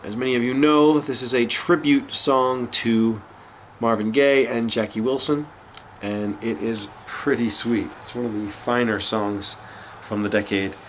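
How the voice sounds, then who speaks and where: In a laid-back show-and-tell, a man chats about records from his collection, his mid-range voice unhurried and a bit nasal from a cold that has him sniffling and stuffed up. He talks easily with plenty of fillers, over a little hiss or hum.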